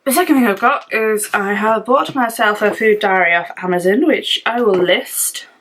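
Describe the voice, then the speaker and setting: A woman's voice: mid-range voice, normal speed, fairly bright tone, low-quality recording. A young woman vlogging at home in casual, rambling chat, open and self-deprecating about herself. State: out of breath. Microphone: phone or tablet camera.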